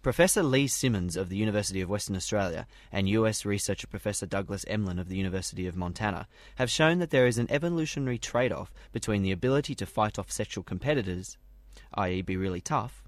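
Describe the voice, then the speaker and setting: A man with a fairly low voice reads prepared science news. The recording is dry, with hardly any room sound around him. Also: no echo. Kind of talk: scripted news reading.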